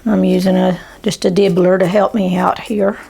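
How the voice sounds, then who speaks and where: A woman's voice: lowish voice, level tone, moderate pace, creaky, dark tone, husky. Under-the-weather woman hosting a gardening how-to. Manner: folksy, dropped endings like "gonna" and "'em". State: under the weather, recovering from strep throat. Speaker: host of a gardening channel. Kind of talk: casual how-to gardening talk. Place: greenhouse.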